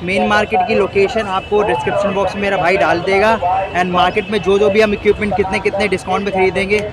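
A man's voice: high-pitched, little pitch movement, fast, rough recording. A man, a fellow motovlogger, introducing himself and his plans to the camera on a busy street. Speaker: guest motovlogger. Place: outdoor street.

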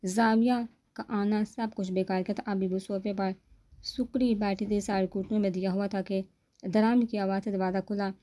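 عورت کی دھیمی، گہری آواز میں ناول خوانی. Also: female voice, medium pitch. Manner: steady storytelling. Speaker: narrator. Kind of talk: novel reading.

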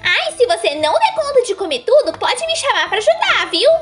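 Woman doing a playful, hungry cartoon pony, Brazilian Portuguese, very high and lively, faint music behind. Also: fairly quick, exaggerated voice. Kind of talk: fan role-play voice acting.

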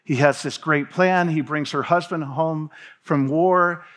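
Preaching from a church stage, this Tennessee pastor in his thirties reads scripture aloud and moves with lively pacing and hand gestures. His voice is on the high side, and he keeps a measured pace.

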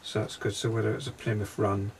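A man working as a psychic medium, describing impressions in a halting, hesitant way inside a railway carriage during a paranormal investigation. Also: fairly low pitch, completely flat delivery, slight background noise.

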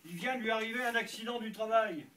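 A man performing a comic stage monologue with a measured, deadpan delivery. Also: high-pitched. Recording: distant mic with loud hiss.

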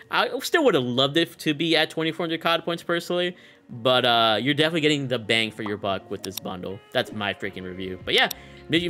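This man's mid-range voice has a sharp tone. He is a YouTuber in his late twenties reviewing a gaming bundle, offering casual gameplay commentary that is hyped and slangy, full of chuckles. He sits close on the mic in a small indoor gaming room with faint music behind him.

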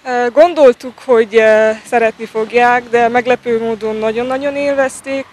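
A woman's voice: fairly high pitch, steady tone, darkish tone, slight background noise. A woman coach earnestly describing her sports camp, with hesitant fillers. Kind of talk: news interview statement.

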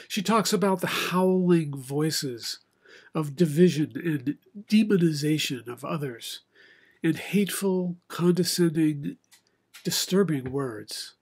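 An older man, preaching a sermon from a home study with bookshelves into a webcam, in a measured, reflective way with many pauses. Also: on the high side, a little mellow, husky. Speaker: pastor. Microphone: video call webcam, head and shoulders.

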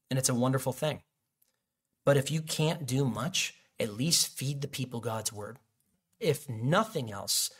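A man's voice: medium pitch, fairly bright tone. A man preaching a sermon as pastor, in a conversational, jokey way full of asides, with frequent fillers and restarts.

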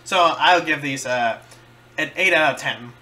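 A man doing a casual food-tasting vlog, halting and searching for words as he chews and talks. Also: a little high, sharp tone. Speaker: vlogger.

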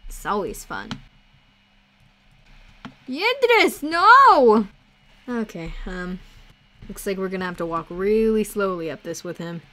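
A woman streamer giving chatty, excitable commentary on a game she is playing. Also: fairly low pitch, moderate pace. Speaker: gaming streamer.

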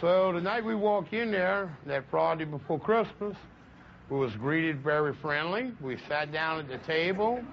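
A man from Louisiana with a Southern drawl recounts events slowly and in careful order, his voice sitting quite high. He is recorded outdoors, and the sound is dull and lo-fi with faint traffic behind him. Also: expressive, gravelly. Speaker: interviewee. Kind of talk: storytelling in an interview. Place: outdoors by a roadside.

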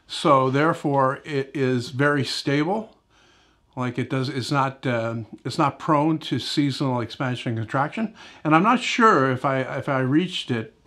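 A man's voice: a little high, fairly bright tone. A middle-aged man hosting a woodworking video, talking casually in his home workshop, rambling and correcting himself as he goes. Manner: rambling, conversational, self-correcting, lots of "right?" and "you know". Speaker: woodworking channel host. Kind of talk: casual workshop demo talk. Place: home woodworking shop, indoors.

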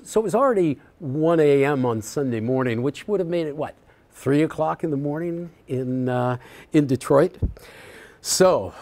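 Brief: man in his sixties, retiring professor giving a farewell lecture, gravelly voice, heartfelt and reflective. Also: medium pitch, darkish tone. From US Midwest. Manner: reflective, heartfelt, halting with fillers. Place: lecture hall.

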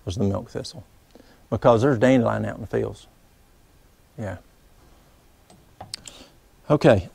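A man's voice: mid-range voice, creaky, a little mellow, no room sound. A middle-aged man, telling homespun stories in a rambling, folksy way with many fillers and restarts. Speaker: herbalist speaking to a group. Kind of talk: folksy storytelling talk.

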